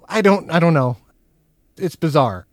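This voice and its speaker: A man's voice: a little high, lively intonation, measured pace, dry recording, studio quality. A man hosting a casual film chat podcast, talking in a jokey way with touches of mock-formal showman patter. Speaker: podcast host.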